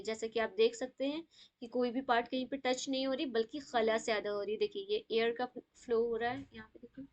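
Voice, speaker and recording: Woman, high voice, tajweed teacher, live online class, video call, checks in often, mixes in English words.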